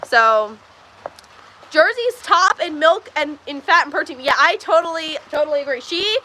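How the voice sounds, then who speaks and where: Bright, high-voiced woman. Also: lively intonation, normal speed, slight background noise, low-quality recording. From Texas, USA. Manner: chatty, answers viewers' questions while coaxing cows. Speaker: livestream host. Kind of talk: casual livestream chat while doing farm chores. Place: milking stall in a barn on a farm.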